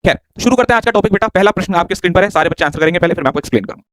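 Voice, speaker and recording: A man's voice: sits high, lively intonation, rapid-fire, fairly bright tone, no echo. A man teaching an online exam-prep grammar class in a chatty way, joking with and scolding his students, speaking English.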